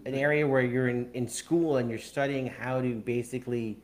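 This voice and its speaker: A man's voice: medium pitch, steady tone, moderate pace. A man hosting a casual interview, playful and jokey, asking many questions. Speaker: podcast host.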